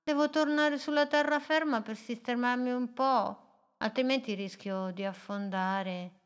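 Tiny brave boat heroine for a storybook, earnest and eager, played by a woman in a raised, bright childlike pitch. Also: unhurried, clean tone, close to an everyday voice. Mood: apologetic.

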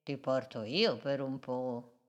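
A woman voicing a calm, kindly old sea turtle who speaks slowly and gently. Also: very deep voice, muffled recording, pitched below the performer's own voice.

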